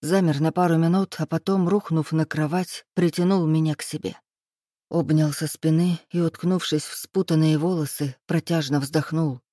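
Woman, audiobook narration, first person, steady even reading, mellow tone, dry recording. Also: deep voice, moderate pace, no room sound.

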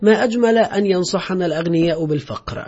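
A resentful ex-convict, read by a man in a high, husky voice, clipped and bitter, with sardonic edges. The audiobook recording sounds dull and lo-fi, with faint music under it. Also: quick pace, a little mellow.

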